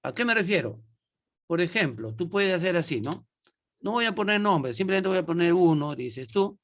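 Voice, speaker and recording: A man's voice: high voice, expressive, moderate pace, a bit bright. Male teacher, slightly raised voice, patient, keeps checking in with students. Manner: patient, repeats himself, checks understanding with tag questions. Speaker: nursing English teacher. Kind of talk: online class explanation.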